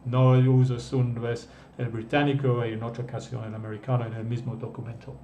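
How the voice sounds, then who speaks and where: A male English teacher leading a live online language class, speaking deliberately and repeating key words and definitions for his students. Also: mid-range voice, little pitch movement, warm tone, reverberant, dull audio, slight background noise.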